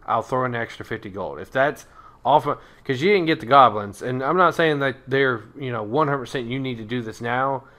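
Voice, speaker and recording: A man's voice: mid-range voice, a little fast, bright, forceful tone, lightly acted. A man playing a harried town guard. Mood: exasperated. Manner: rambling, exasperated. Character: male town guard captain, harried and blunt. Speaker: town guard in a tabletop game.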